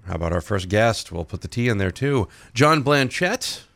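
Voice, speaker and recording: Low-voiced joking radio host. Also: male voice, expressive, moderate pace, gravelly, fairly bright tone, no echo. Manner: joking, stumbles and repeats words. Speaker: radio morning show host. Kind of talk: casual radio chat. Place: radio studio.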